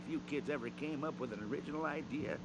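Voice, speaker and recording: An actor playing a grumpy, superstitious old gravedigger in a cartoon adventure game, scolding and distrustful. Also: male voice, on the high side, fast, noisy background, lightly acted. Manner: crotchety, scolding, disbelieving.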